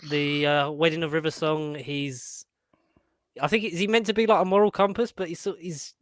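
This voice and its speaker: A man, a guest on a podcast in casual chat, joking with deadpan, sweary asides. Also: a little high, moderate pace, no room sound, clean studio sound.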